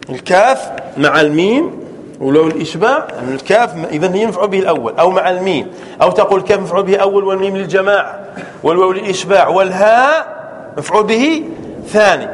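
A man, a sheikh teaching a classroom grammar lesson, quizzing his students and drawing out examples slowly. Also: high-pitched, lively intonation, a little hiss or hum.

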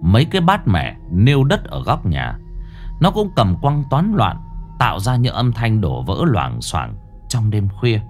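Guy reading a creepy ghost story, voice swings all over, soft music under it. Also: on the low side, wildly swooping pitch, measured pace. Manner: dramatic, suspenseful storytelling.

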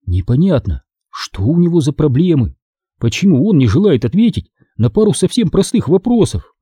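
Male audiobook narrator, expressive and animated, husky. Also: on the high side, moderate pace, no echo, studio quality. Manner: expressive first-person narration.

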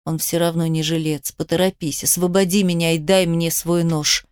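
A woman's voice: fairly low pitch, little pitch movement, normal speed, a little mellow, clear, resonant tone, no room sound, studio quality, natural voice. A woman voicing an aging male herald, a desperate traitor father who pleads and then spits insults. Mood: pleading.

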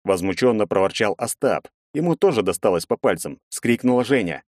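Dramatic low-voiced male narrator. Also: fairly quick, dry recording, clean studio sound. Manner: dramatic, lively reading. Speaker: audiobook narrator. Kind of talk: first-person audiobook narration.

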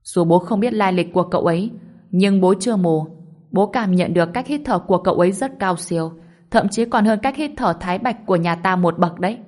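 A woman voicing an old male clan patriarch who scolds his sons in a commanding, loud voice, in a storybook reading. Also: lowish voice, fairly quick, close to an everyday voice. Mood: stern scolding.

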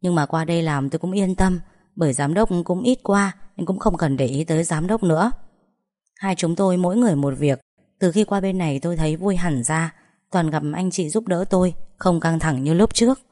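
A woman reading a first-person story aloud in a plain, steady manner. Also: lowish voice, fairly quick.

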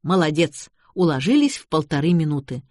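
A woman's voice: low voice, sing-song, fairly quick, a little mellow, no room sound, studio quality. Woman reading as an exasperated, patient man. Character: exasperated middle-aged man, dry and patient.

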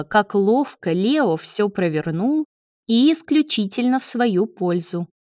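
A woman narrating an audiobook in a steady, measured reading voice. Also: mid-range voice, no room sound, studio quality.

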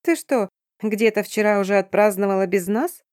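A woman reading an audiobook voices a cheerful, loud young female friend calling on the phone, exclaiming brightly. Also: mid-range voice, lively intonation, a little slow, dry recording, clean studio sound, natural voice. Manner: bubbly, exclaiming.

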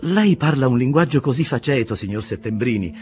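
A man's voice: medium pitch, expressive, a little fast, darkish tone, soft background music, pitched above the performer's own voice, natural voice. A man voicing a mild, polite young engineer who speaks hesitantly. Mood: mild hesitance.

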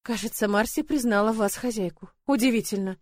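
A woman's voice: a little high, brisk, dry recording, close to an everyday voice. A woman reading the part of a composed male nobleman mage who is reproachful and dismissive, in a dry audiobook voice. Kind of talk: audiobook character voice.

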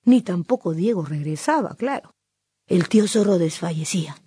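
A woman on the radio telling a folk tale aloud with lively, expressive storytelling. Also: fairly low pitch, normal speed, breathy edge, no room sound.

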